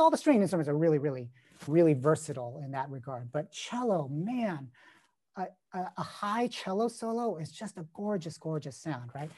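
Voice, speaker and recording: In an online composition masterclass, a male teacher critiques a student's score through a video call, his voice fairly high with a darkish tone. He keeps it casual, leaning on fillers and checking in with "right?"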